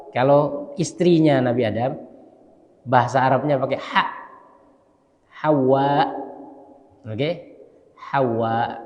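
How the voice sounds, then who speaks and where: Imam lecturing in a reverberant mosque. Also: male voice, medium pitch, a little mellow. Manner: conversational, keeps asking listeners "ya kan?"; spells out Arabic letters slowly. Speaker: mosque imam and religious teacher. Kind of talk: casual dawn study lecture. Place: large mosque. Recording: long hall reverb in a mosque.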